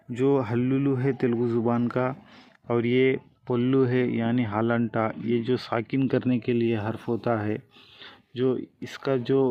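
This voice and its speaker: A man's voice: mid-range voice, no echo, highs cut off. A man teaching a language lesson, explaining each step patiently and drawing out the example sounds.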